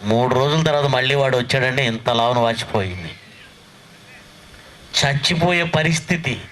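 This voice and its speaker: A man preaching a sermon in a church. He scolds the congregation with rapid rhetorical questions and reads scripture slowly and deliberately. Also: mid-range voice, fairly bright tone, a little hiss or hum, low-quality recording.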